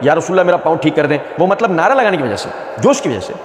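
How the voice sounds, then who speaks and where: A man's voice: fairly high pitch, sing-song. A man giving argumentative religious commentary, mocking and repeating phrases for emphasis. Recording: echoey room with long reverb.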